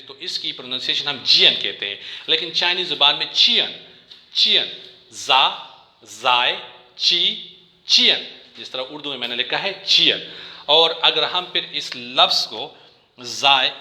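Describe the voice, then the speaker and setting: A man teaching a language lesson, patiently repeating each word slowly for learners. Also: a little high, sharp tone, roomy sound.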